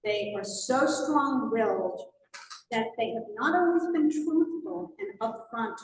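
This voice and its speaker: An older woman, a former public policy maker, speaking firmly and in a measured, slightly lecturing way during public comment at a town meeting. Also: on the high side, lively intonation, slight background noise. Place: fire department meeting hall. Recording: echoey hall from a distant mic.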